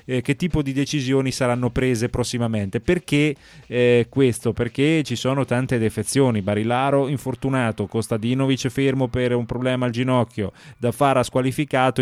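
A man hosts casual sports talk. His medium-pitched voice comes through dry, with hardly any room sound. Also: fairly even intonation, normal speed, a little mellow, no echo. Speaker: sports talk show host. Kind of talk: casual live football talk.

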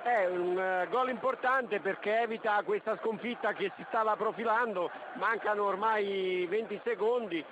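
A man commenting on a live football match on the radio with reflective, measured analysis. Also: sits high. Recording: dull lo-fi radio feed, loud background noise.

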